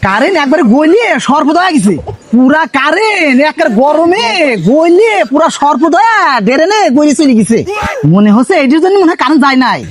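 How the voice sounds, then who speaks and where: A man playing a smooth-talking village swindler in a comic drama, spinning drawn-out excuses. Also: extremely high pitch, very animated. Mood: blustering. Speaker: con man selling fake electricity.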